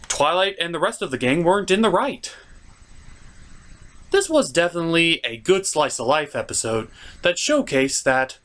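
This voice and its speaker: A man hosts a cartoon review show, delivering scripted comedic narration full of theatrical, sarcastic asides. His voice is on the high side with a fairly bright tone.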